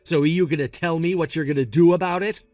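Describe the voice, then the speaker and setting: A man's voice: fairly high pitch, fast, dark tone, no room sound, faint music behind, close to an everyday voice. A man voicing a blaming, dismissive young groom in a text-message story, talking in a scolding, impatient way. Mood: angry.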